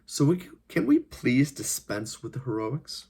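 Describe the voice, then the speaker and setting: A man reading his novel aloud, voicing a polite, formal government agent who threatens his captives in measured words. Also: medium pitch, big pitch swings, vocal fry, a little mellow, breathy edge, voice pushed up, heavily acted. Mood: cold menace. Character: cold, polite, menacing male government agent.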